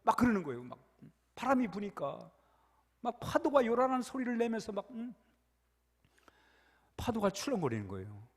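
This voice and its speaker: A man preaching a sermon as a pastor, telling a story with lively repetition and asking the congregation questions. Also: sits high, normal speed, long pauses. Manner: animated storytelling, repeats phrases, asks the congregation questions. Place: church sanctuary. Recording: echoey church hall.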